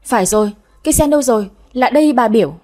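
A woman voicing a quick-tempered older mistress of the house who scolds harshly and fast, in a storybook reading. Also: a little high, lively intonation, darkish tone, close to an everyday voice. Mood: scolding. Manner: scolding, harsh, rapid-fire.

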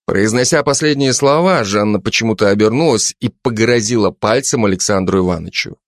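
A man narrating an audiobook in an expressive reading voice. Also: lowish voice, brisk, dry recording, clean studio sound. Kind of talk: scripted narration.

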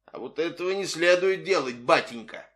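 A man's voice: on the high side, lively intonation, normal speed, fairly bright tone, voice pushed up. A man voicing a haughty, stern old beggar on church steps, speaking in a raised, dignified voice.

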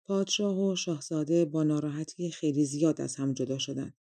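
A woman narrating a fairy tale audiobook in a calm, conversational reading style, close to the microphone. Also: sits low, dry recording. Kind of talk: storybook narration.

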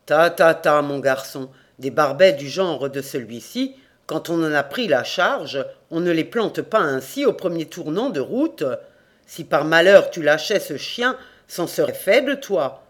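An audiobook reader voicing a stern older country priest, reading his lines in a measured, admonishing way. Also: medium pitch, lively intonation, close to an everyday voice.

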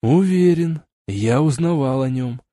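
A man's voice: mid-range voice, a little slow, mellow, dry recording, clean studio sound, lightly acted. A man reading an audiobook, voicing a sympathetic young male friend in a concerned, reassuring manner.

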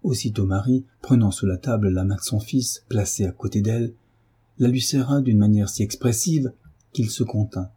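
A man narrating a classic novel as an audiobook, reading in a measured, steady way. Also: fairly low pitch, breathy edge. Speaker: audiobook reader.

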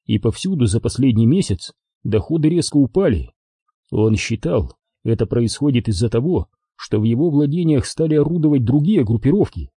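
A man's voice: mid-range voice, mellow, breathy edge, dry recording, studio quality. A man narrating a crime audiobook expressively, giving every character his own voice.

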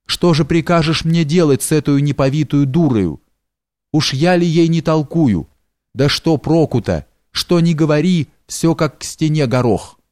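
A man's voice: fairly high pitch, measured pace, darkish tone, no echo, studio quality, pitched above the performer's own voice, lightly acted. A man voicing a fussy old woman nurse in an audiobook, talking in a raised, whining, pleading voice.

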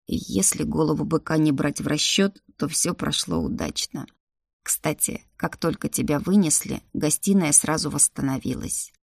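Storybook figure: a woman playing a gruff but caring young brother, low and husky. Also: normal speed, dry recording, clean studio sound, exaggerated voice. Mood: calm. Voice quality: low husky half-whisper.

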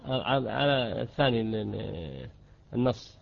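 A man's voice: medium pitch, unhurried, gravelly, slight background noise. A man, a sheikh teaching a jurisprudence lesson, quizzing students with questions and repeating key terms. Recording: dull lo-fi lesson recording.

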